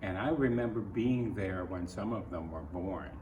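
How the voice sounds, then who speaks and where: The clip features an older man reading a picture book to children, his voice sitting low with a darkish tone at a normal speed, and he breaks off for folksy, grandfatherly asides to the kids. The sound is muffled, echoey and noisy, picked up from a distant mic.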